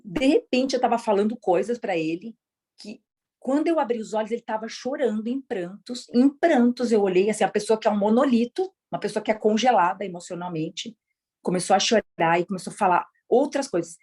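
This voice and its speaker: Woman, spiritual group leader, husky breathy tone, casual teaching, checks in with listeners, video call audio. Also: mid-range voice, fairly quick, darkish tone. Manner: conversational, keeps checking in with listeners.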